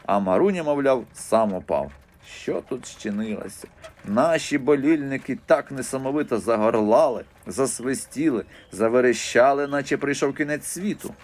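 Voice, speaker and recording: A man narrating a children's novel aloud in a lively, expressive storytelling voice. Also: mid-range voice. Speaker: audiobook narrator. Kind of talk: scripted audiobook narration.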